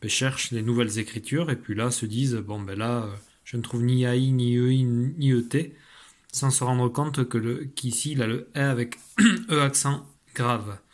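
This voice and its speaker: A man's voice: mid-range voice, fairly even intonation, normal speed. A man teaching, patiently explaining phonics exercises to parents, with frequent fillers and restarts.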